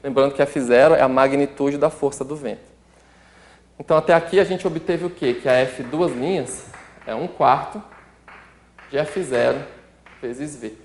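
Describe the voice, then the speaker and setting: Against slight background noise and a roomy echo, a math instructor with a Brazilian Portuguese accent talks through calculus one step at a time. His medium-pitched voice is a little mellow, and he writes out sums as he solves them, checking in with the listener frequently.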